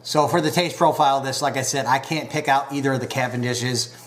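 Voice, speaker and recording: A man talks about pipe tobacco in an easygoing, unhurried review, full of filler pauses and a touch nasal from a cold he's just had. His mid-range voice is fairly bright, with some background noise.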